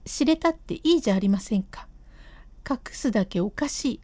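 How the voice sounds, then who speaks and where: Woman reader as a headstrong wife, high, insistent and pleading, mellow tone, dry close read. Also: animated, brisk, no room sound. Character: stubborn, proud wife of a painter. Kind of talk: storybook reading of classic comic storytelling.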